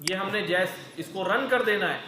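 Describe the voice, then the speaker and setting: A man's voice: high-pitched, normal speed, pushed and bright, roomy sound, slight background noise, low-quality recording. A male teacher leading a coding lecture in a casual, conversational way, asking questions and then answering them himself. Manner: conversational, calls listeners brother.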